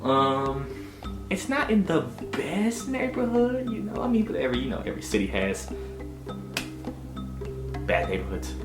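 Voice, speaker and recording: A storytelling vlogger in his twenties from Augusta, United States, tells a personal story in an animated, slangy way, often checking in with "you know what I'm saying." His voice is on the high side, at normal speed with frequent pauses. Music plays behind him in an echoey room.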